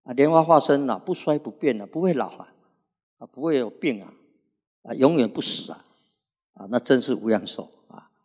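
A man in his sixties, a Buddhist monk, gives an unhurried sermon and fills his pauses with long, drawn-out "ah" sounds. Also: medium pitch, lively intonation, a little mellow. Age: 60s. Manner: unhurried preaching, frequent drawn-out "ah" fillers. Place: Buddhist recitation hall. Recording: reverberant hall recording.

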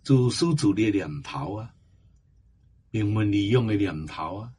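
Guy giving a buddhist dharma talk, kinda low and husky, stretches his words out. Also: animated, warm tone. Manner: slow, emphatic exhortation with drawn-out endings. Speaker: Buddhist teacher.

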